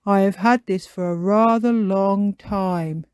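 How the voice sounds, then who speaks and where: A woman's voice: medium pitch, takes it slowly, a little mellow, smooth, no echo, studio quality, lightly acted. A woman voicing a mild, slightly pompous father pig who explains things patiently in a children's storybook. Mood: explaining.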